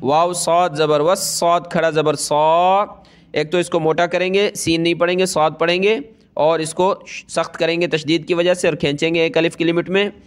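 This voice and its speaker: A man teaching Quran reading, spelling out each letter and vowel mark and then chanting the word slowly, with quick explanatory asides in between. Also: on the high side, fairly even intonation, smooth. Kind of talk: slow spelled-out recitation lesson.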